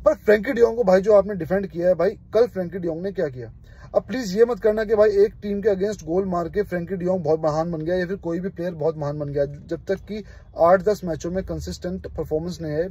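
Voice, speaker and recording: This young Indian football fan channel host speaks in a high-pitched, dark-toned, slightly rough voice. In his casual vlog he's emphatic and fervent about his views, constantly calling out "brother."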